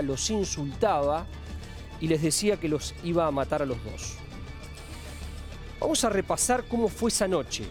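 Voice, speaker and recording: A male TV crime host with a Rioplatense Argentine accent, speaking in a somewhat raised pitch. He delivers emphatic, indignant commentary from a studio. Faint music plays in the background. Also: darkish tone. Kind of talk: TV crime news presenting and commentary.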